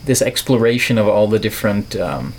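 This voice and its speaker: Fairly low in pitch yet lively in intonation, this man talks fairly quickly with slight background noise behind him. He's a middle-aged artist and filmmaker from the Netherlands with a neutral American accent, appearing as a podcast guest. His talk is reflective, playful, and full of wordy turns of phrase.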